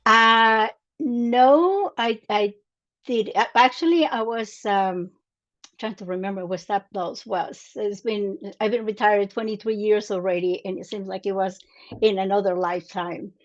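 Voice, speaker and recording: A woman's voice: medium pitch, steady tone, a little slow. Earnest woman from Mexico, muffled audio. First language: Spanish. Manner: earnest, hesitant, many fillers and restarts. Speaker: guest, Army veteran. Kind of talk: interview, personal story.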